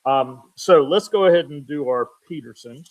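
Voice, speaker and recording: A man as pastor giving a casual devotional video, relaxed and self-deprecating, with many filler ums, reading Bible passages aloud. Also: a little high, moderate pace, low-quality recording. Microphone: talking to camera for a video.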